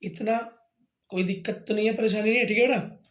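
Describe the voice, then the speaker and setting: A man's voice: high voice, fairly even intonation, brisk, highs cut off. Guy tutoring maths at home, patient, keeps asking if u got it, echoey room. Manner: patient, keeps checking understanding, calls the student "beta". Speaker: maths teacher. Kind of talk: tutoring a student at a whiteboard. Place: teaching at home.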